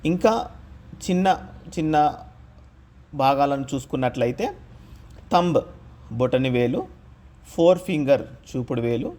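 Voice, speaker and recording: A man narrating a scripted lesson on English pronunciation, reading out example words slowly one at a time. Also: mid-range voice, lively intonation, a little mellow. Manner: slow, deliberate, spells out example words one by one.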